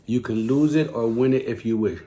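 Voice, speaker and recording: With a mid-range, dark-toned voice and a brisk delivery, a religious teacher leads a children's lesson in simple phrases. The teacher poses questions and has the children repeat after them, and background noise is clearly audible.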